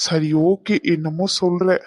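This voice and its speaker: Woman voicing cartoon son, low, puzzled questions, dry close sound. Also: fairly even intonation, unhurried, darkish tone, dry recording. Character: slow-witted young son, doubtful. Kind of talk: cartoon dub voice acting.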